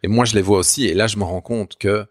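A man's voice: lowish voice, steady tone, fast talker, dry recording, clean studio sound. A man with a Belgian accent from Namur, a university teacher chatting casually and mocking himself, with many restarts. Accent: Namur Belgian French. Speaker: university Spanish teacher, guest. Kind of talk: casual podcast chat.

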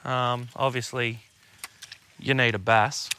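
Slight background noise sits under a slow, flat, sharp-toned mid-range voice. The speaker is an Australian man co-hosting a podcast, shooting the breeze like a laid-back tradie, all slang and swearing.

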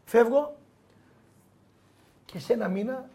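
A middle-aged man telling anecdotes in a casual chat, animated, quoting people and laughing often. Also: very high voice. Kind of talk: casual storytelling.

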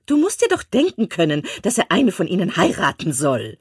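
A woman voicing a fussy, excitable middle-aged mother in an audiobook, talking in shrill, breathless insistence. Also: normal speed, slightly rough, no echo, studio quality, heavily acted. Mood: excited, insistent. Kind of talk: audiobook reading.

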